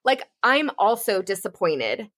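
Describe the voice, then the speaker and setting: A woman's voice: mid-range voice, very animated, a little slow, fairly bright tone. Fired-up woman ranting in casual chat. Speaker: podcast co-host. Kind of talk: casual pop culture chat.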